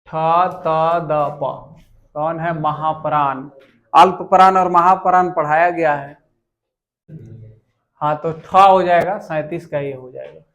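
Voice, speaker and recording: Male teacher, high voice, unhurried exam walkthrough. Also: steady tone, a bit bright, highs cut off. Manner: unhurried, repeats each question aloud.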